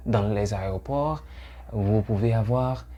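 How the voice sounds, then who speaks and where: The recording is muffled as a Haitian host, a native Haitian Creole speaker, gives an earnest, pleading scripted monologue to camera, hesitating often. He talks slowly in a lowish, warm voice.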